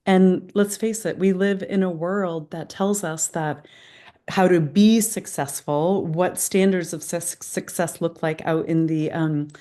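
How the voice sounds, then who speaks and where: A woman interview host with a slightly low voice speaks earnestly and emphatically, as if addressing a cause. Her articulation is a little impeded by a new dental retainer in her mouth. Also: fairly even intonation, measured pace, dark tone. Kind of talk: warm-up introduction and interview questions, partly scripted.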